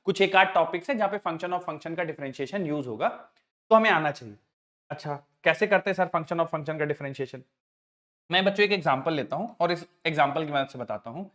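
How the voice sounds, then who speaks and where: This is a slightly high, brisk and somewhat bright male voice belonging to a middle-aged maths teacher in front of a class. Patiently, he addresses the pupils as children and often stops to check they understand the terms.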